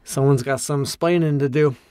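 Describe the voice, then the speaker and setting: A man's voice: mid-range voice, fairly even intonation, moderate pace, a little mellow, smooth, dry recording. A man co-hosting a podcast with casual, rambling, joking banter. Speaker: podcast co-host.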